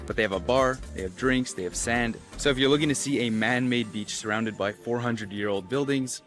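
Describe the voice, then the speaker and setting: A man's voice: medium pitch, a little fast, a bit bright. Man presenting an upbeat travel guide over music. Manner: enthusiastic, informal. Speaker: travel vlogger. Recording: music behind the voice.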